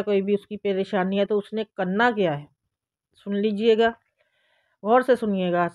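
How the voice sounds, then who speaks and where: A woman with a Pakistani Urdu accent hosts a religious channel, speaking at medium pitch and walking viewers through a devotional routine step by step. She addresses them directly and repeats her instructions, on a dry, muffled recording.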